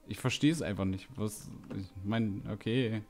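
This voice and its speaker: A man's voice: on the low side, normal speed, darkish tone, soft background music. A man giving casual gameplay commentary, chatty and joking as he reacts aloud. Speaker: let's play streamer.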